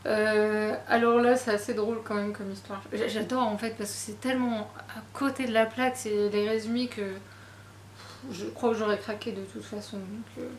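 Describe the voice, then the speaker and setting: A book vlogger chats casually about her latest book purchases in a book haul, self-deprecating and full of fillers. Her medium-pitched voice is flat and goes at normal speed. The sound is roomy, with slight background noise.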